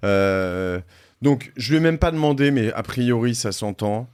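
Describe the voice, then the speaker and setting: A man's voice: mid-range voice, lively intonation, a little slow, darkish tone, clean tone. A man hosting a podcast interview in a joking, rambling, informal way. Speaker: podcast host. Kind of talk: casual interview.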